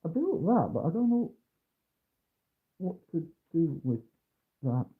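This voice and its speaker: A man's voice: a little high, very animated, takes it slowly. A man livestreaming while building a kit, his voice muffled as though through a mask or a wall, mumbling and humming to himself. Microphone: phone mic. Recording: tinny muffled phone audio.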